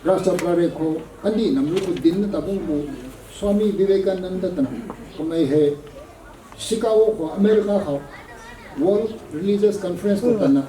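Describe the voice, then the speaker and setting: A man preaching a sermon at a prayer meeting, measured and slow, with English words slipped in. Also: high voice, dark tone. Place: prayer gathering hall. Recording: echoey hall, voice from a distance.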